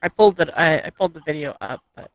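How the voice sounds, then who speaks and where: A woman's voice: low voice, expressive, fast talker, dry recording, highs cut off. A woman chatting casually and joking while gaming on a stream, rambling and swearing now and then. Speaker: gamer on a stream.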